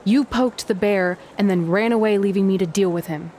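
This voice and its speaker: A woman's voice: mid-range voice, moderate pace, warm tone, slight background noise, natural voice. An actress playing a blunt, sarcastic young female wrestler in a video game, dry and matter-of-fact.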